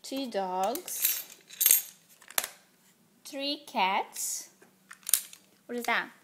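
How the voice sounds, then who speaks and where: Mother reading to a toddler, high sing-song pitch. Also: lively intonation, extremely slow. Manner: simple repeated child-directed phrases, encouraging praise; switches between English and Portuguese. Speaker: mother teaching her toddler. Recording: noisy home recording with clicks.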